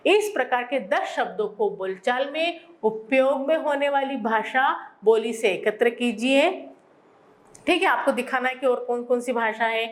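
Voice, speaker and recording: A woman teacher giving a school lesson, explaining slowly and answering her own questions. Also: a little high. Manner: repeats words for emphasis. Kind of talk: classroom Hindi lesson.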